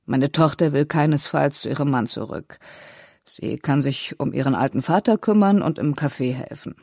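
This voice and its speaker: A narrator voices a gruff older Italian father who owns a café. He blusters and teases with a dark, gravelly tone, and the voice sounds close and dry. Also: mid-range voice, normal speed, no room sound. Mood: teasing.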